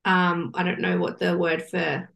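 Gravelly-voiced woman, rambling candidly. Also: lowish voice, flat delivery, unhurried, fairly bright tone. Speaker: podcast co-host. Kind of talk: casual chat.

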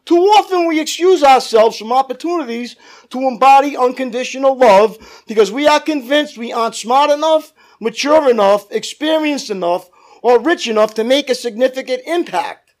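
Delivering a church sermon, a man with a very high voice speaks at a moderate pace with lively intonation. He leans on and stretches his key phrases, addresses the congregation directly, and asks for their agreement and their amens.

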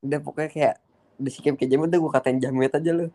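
A man's voice: mid-range voice, fairly even intonation, rapid-fire, mellow. A young man with a Jakarta accent chats casually as a podcast guest, using blunt Jakarta slang with some swearing. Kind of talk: casual chat.

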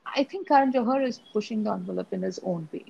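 A woman's voice: mid-range voice, quick pace, gravelly, warm tone, breathy edge, dull audio. A woman with an Indian accent in casual, opinionated conversation about films, as a co-host. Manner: opinionated, switches between English and Hindi. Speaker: podcast co-host discussing films. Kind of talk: casual conversational film discussion.

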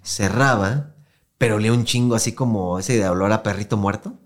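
A young man with a Mexican accent tells a long story on his podcast, his voice sitting a little low. He talks in loose, slangy chat. He acts out the lines of the people he quotes. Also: brisk. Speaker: podcast host.

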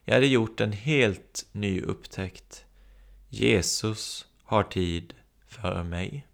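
Male preacher, low and gravelly, animated storyteller who acts out the voices. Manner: storytelling, acting out quoted voices. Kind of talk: sermon.

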